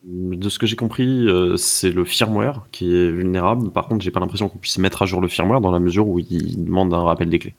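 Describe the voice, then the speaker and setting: Man, very deep gravelly voice, dry sound, measured technical talk, many fillers. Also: fairly even intonation, no room sound. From France. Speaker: security expert co-host. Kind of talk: casual technical explanation.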